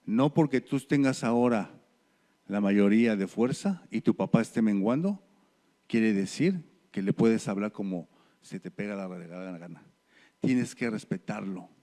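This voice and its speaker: A middle-aged man with a Mexican Spanish accent, preaching a sermon in a church, telling stories and swinging his pitch and loudness.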